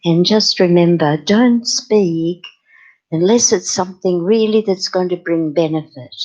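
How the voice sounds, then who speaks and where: A woman giving a gentle spiritual talk as a meditation teacher, soft and unhurried. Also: lowish voice, muffled recording.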